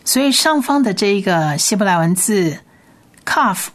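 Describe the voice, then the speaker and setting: A woman teaching a recorded language lesson in a patient way, repeating each sound slowly and carefully. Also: mid-range voice, expressive. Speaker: Hebrew teacher.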